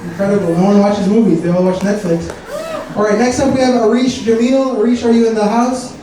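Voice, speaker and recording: A man's voice: high voice, level tone, a little fast. A man hosting a live event, upbeat and chatty, introducing acts and rallying the crowd. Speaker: event host. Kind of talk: emcee introductions. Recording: echoey room heard from far off with crowd noise.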